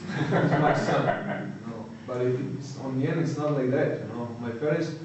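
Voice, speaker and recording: Man, Croatian accent, thirties, halting and searching for words, mellow dark voice, distant mic in a very echoey hall. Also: mid-range voice, a little hiss or hum. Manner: halting, searching for words, frequent "you know". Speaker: recovering addict giving testimony. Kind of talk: personal testimony talk.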